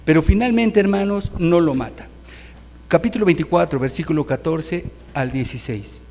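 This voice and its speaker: A man's voice: a little high, normal speed, a little mellow. Preaching man in a reverberant church. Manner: addresses the congregation as brothers, often asks "¿sí?". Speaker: pastor. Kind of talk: sermon. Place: church hall.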